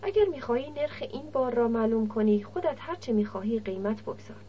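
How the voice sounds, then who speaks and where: A woman's voice: a little high, animated, a little hiss or hum, close to an everyday voice. Woman reading as Gol Mohammad, guarded nomad man. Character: blunt young male nomad camel driver. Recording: dull lo-fi recording.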